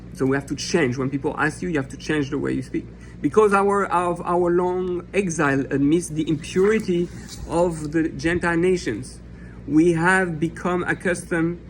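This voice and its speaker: A man's voice: a little high, a little hiss or hum, low-quality recording. A man raised in France teaching a Torah lesson as a rabbi, reading a text aloud and explaining it in an earnest, impassioned way. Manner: earnest and impassioned, acting out imagined questions and answers.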